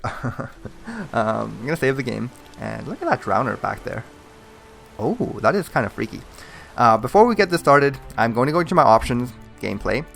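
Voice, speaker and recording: A gaming channel host, a man from mainland China whose native language is Mandarin, talks casually over his gameplay with a Chinese accent. His medium-pitched voice is creaky, and his commentary rambles and hesitates, full of fillers.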